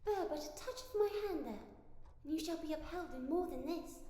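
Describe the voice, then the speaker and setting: A woman playing a gentle, solemn childlike spirit in an audio play, speaking formally under a ghostly reverb. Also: extremely high pitch, expressive, brisk. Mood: solemn, commanding. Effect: heavy ghostly reverb. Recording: echoing long reverb, faint noise.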